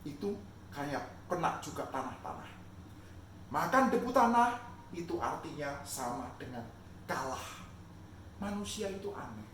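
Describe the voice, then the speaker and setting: A pastor and father tells a Bible story to children, acting out scenes in a lively way. His pitch swings up and down constantly. The voice echoes through a bare room at home, picked up from a distance with faint background noise. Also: a little slow, pauses often. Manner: lively, animated, acts out scenes. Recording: echoey room, mic far off.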